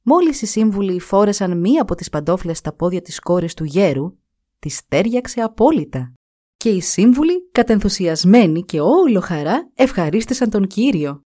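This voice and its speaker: A woman narrating a fairy tale in an expressive, animated reading voice. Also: mid-range voice. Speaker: storyteller.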